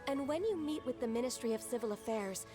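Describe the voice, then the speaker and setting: A woman's voice: on the high side, lively intonation, fast, over music, close to an everyday voice. A woman voicing a polite, dutiful young secretary in a game, formal and composed. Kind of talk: game character dialogue.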